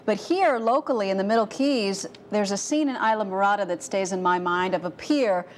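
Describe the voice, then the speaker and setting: A woman's voice: medium pitch, a little fast, slight background noise. A woman news anchor giving live, partly ad-libbed commentary between reports.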